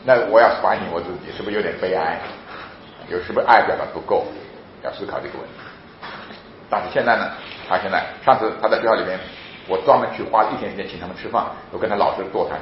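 A man giving a lively sermon-style talk on parenting, laughing often and acting out children as he goes. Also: low voice, fast. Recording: very echoey, dull lo-fi with faint noise.

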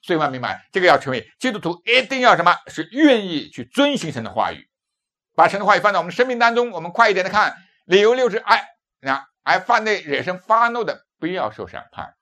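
A man's voice: high voice, very animated, fast, bright, forceful tone. Emphatic preaching man in his fifties. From China. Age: 50s. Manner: emphatic, asks rhetorical questions. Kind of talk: sermon.

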